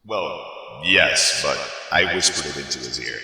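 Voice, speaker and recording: A man acting God, booming deep in a vast hall. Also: bright, forceful tone, exaggerated voice. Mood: firm. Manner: wry, measured, theatrical. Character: God, wry patient male deity receiving souls. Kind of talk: audio play acting. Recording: long echoing hall reverb, music underneath.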